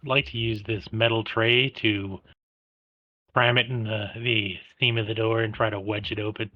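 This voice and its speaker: A man's voice: on the low side, level tone, normal speed, lo-fi sound. A man taking part in a tabletop game as a player, talking casually.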